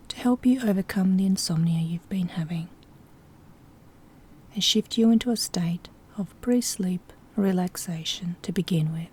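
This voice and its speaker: Acting as a hypnosis guide, a soft-spoken woman leads a sleep hypnosis session, her breathy, whispery voice on the low side. She instructs gently and soothingly.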